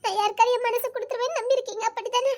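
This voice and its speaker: A woman's voice: very high voice, steady tone, rapid-fire. A woman with a Tirunelveli Tamil accent playing a heartbroken young woman who pleads tearfully, with nervous laughs. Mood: pleading, hurt. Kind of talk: romantic short-drama acting.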